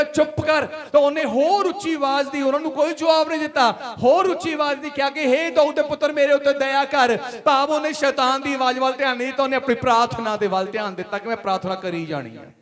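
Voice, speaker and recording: High-voiced Punjabi pastor preaching. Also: male voice, fairly bright tone. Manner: preaching with rising emphatic questions and repetition. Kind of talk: sermon. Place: church hall.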